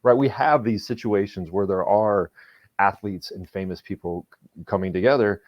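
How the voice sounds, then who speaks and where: A man's voice: lowish voice, normal speed, no room sound, muffled recording. A man hosting a podcast in casual discussion, reflective and often restarting his words as he thinks. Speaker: podcast host.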